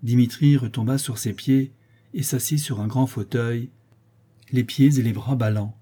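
A man reading a classic novel aloud as audiobook narrator, in a steady, measured literary manner. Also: medium pitch, husky. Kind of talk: scripted narration.

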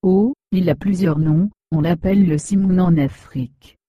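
A woman reading the part of a wise, kindly old woman who gently guides and admonishes a child. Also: lowish voice, normal speed, no room sound, dull audio, close to an everyday voice. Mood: gentle. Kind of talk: storybook reading.

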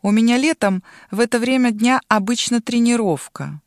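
Bossy, boastful dragon girl read by a woman, raised and forceful in an audiobook. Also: on the high side, lively intonation, normal speed, dry recording, clean studio sound, pitched above the performer's own voice. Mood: menacing. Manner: mocking, domineering, boastful.

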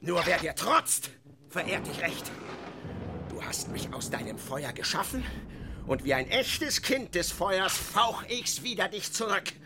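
Defiant old sea captain for radio drama: gravelly, drawn-out, storm noise under the voice. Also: male voice, sits high, lively intonation. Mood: fervent defiant. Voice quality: gravelly, declaiming, fervent.

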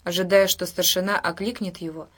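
A woman reading a story aloud in an even, measured narration. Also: lowish voice. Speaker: audiobook narrator. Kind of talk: scripted narration.

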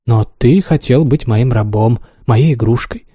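A man's voice: mid-range voice, a little slow, dark tone, slightly rough, no room sound, studio quality. A man voicing an imperious, cruel young noblewoman who mocks and commands coldly in an audiobook reading. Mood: scornful. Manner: taunting, haughty, coolly commanding.

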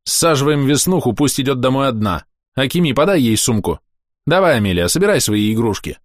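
A man's voice: mid-range voice, very animated, fairly quick, no room sound, clean studio sound, pitched above the performer's own voice, natural voice. A man reading an audiobook and voicing a stern, grumpy young man. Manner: stern, threatening.

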